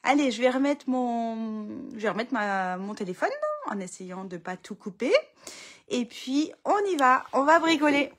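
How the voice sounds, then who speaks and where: A woman's voice: on the high side, expressive, moderate pace. A middle-aged woman, chatting casually through a papercraft tutorial from her home craft room, full of fillers and restarts.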